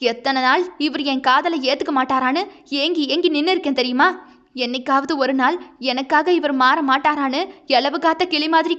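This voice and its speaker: A woman's voice: high voice, fairly bright tone, lo-fi sound. A woman voicing a grieving young wife, impassioned and pleading through tears. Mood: defiant.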